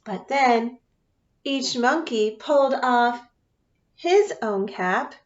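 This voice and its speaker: A woman teacher reading a picture book aloud to children, expressive and often asking them questions. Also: on the high side, slow pace, echoey room. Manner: expressive, asks listeners questions. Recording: dull lo-fi sound.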